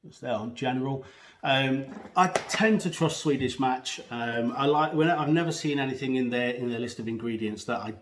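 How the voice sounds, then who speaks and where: A man's voice: medium pitch, moderate pace, slight background noise. A man giving a casual, unscripted product review in a hesitant, rambling way, talking with a pouch tucked under his lip. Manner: hesitant, rambling, self-correcting. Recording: echoey room.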